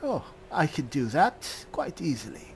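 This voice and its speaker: A man playing a pompous old high elf spellsword. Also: wildly swooping pitch, measured pace, vocal fry, a little hiss or hum, heavily acted, poor audio. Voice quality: genteel, mannered courtesy. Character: elderly male high elf spellsword, pompous, self-assured. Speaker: roleplaying game player. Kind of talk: in-character game roleplay.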